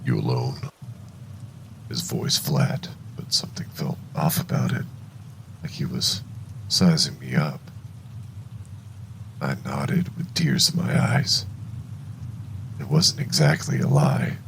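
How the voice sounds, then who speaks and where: A man narrating a first-person horror story in a hushed, deliberate, suspenseful way, with a gravelly voice. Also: a bass voice, big pitch swings, slight background noise.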